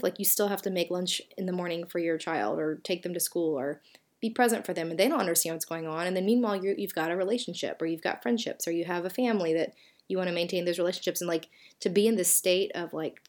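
Woman, Southern US accent, lowish voice, solo podcast host, chatty, reflective, lots of fillers. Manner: chatty and reflective, with many fillers and self-corrections.

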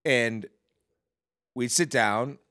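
A man's voice: medium pitch, drawn-out words, pushed and bright. A middle-aged man chatting loosely on a podcast, blunt and crude, with profanity in nearly every sentence. His voice sits in an ordinary middle register and he holds forth with confident opinions. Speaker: podcast co-host. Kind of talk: casual chat.

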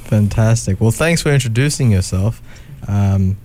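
A man's voice: fairly low pitch, normal speed, warm tone, a little hiss or hum. A young man from southern Africa hosting a casual radio show. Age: young adult.

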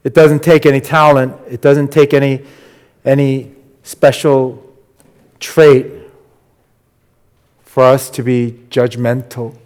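A man preaching a sermon in a halting, conversational way, with many fillers and restarts, raising his voice when he quotes. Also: medium pitch, level tone, darkish tone. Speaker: pastor. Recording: long hall reverb.

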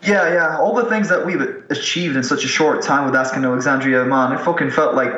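In a dull, roomy-sounding interview, a twenty-something musician from Ukraine talks openly and informally, sometimes swearing. He has a medium-pitched voice that comes across fairly quick, pushed and bright.

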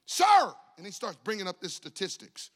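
Bright-voiced preacher in a reverberant hall. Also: male voice, high-pitched, normal speed. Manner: animated, acts out voices in his story. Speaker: pastor. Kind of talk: storytelling sermon. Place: church sanctuary.

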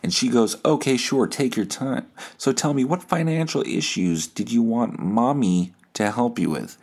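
A mid-range, slightly mellow male voice at normal speed belongs to a podcast host telling a funny, casual story. He's foul-mouthed and self-deprecating, reading message exchanges out like dialogue.

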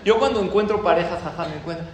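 A man's voice: sits high, very fast. A rabbi telling jokes to an audience, switching into acted voices for his characters. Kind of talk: humorous talk to an audience. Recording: very echoey hall with noise.

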